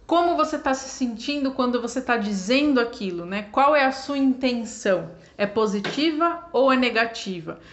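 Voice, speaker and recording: A woman's voice: on the high side, lively intonation, normal speed, few pauses. A Brazilian woman explaining cat behavior in a chatty, informal way, often adding little tag questions and acting out what pet owners say. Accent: Brazilian Portuguese. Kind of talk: casual explanatory talk to camera.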